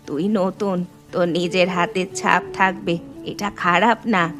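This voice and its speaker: Voicing a cartoon's elderly Bengali mother-in-law, a woman uses a fairly low, lightly acted voice with fairly even intonation over music. The character is traditional and firm, gently advising and chiding with affection in an unhurried, instructive manner, all for an animated moral tale.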